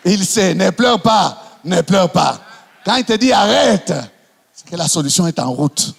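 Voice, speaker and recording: A man preaching a sermon as pastor, swinging between impassioned shouting and hushed passages. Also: high-pitched, animated, a little slow, gravelly, husky, big-room sound.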